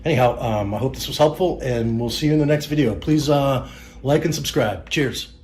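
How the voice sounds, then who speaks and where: A man's voice: mid-range voice, normal speed, a little mellow, echoey room, low-quality recording. A man with a Boston accent, a tech vlogger talking casually through an unboxing from his living room, rambling with lots of ums and restarts into a camera on a tripod.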